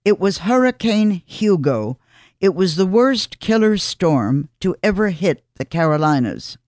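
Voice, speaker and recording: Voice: mid-range voice, sing-song, a little slow, a little mellow, no room sound, studio quality. A radio host asking blunt, chatty questions. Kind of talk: radio interview.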